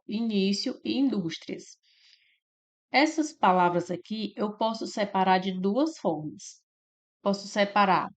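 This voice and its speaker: A woman with a Brazilian Portuguese accent teaching a grammar lesson for exam prep. She explains step by step, slowly drawing out syllables and checking in with "né?" and "tá?". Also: medium pitch, highs cut off. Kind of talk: slide-based grammar lesson.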